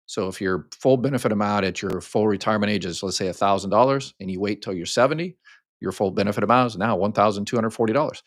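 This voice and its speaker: An older American man with a very low, deep voice talks through viewer questions in a relaxed, rambling way. He fills his explanations with ums and restarts. The sound is close and dry, with little room echo. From United States. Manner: casual, explains step by step with many ums and restarts. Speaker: host answering viewer questions. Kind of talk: live Q&A chat.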